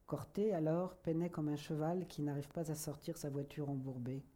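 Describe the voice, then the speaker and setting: A woman reading a literary novel aloud in a measured, soft manner that at times sinks to a whisper. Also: sits low. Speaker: audiobook reader. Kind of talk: literary audiobook narration.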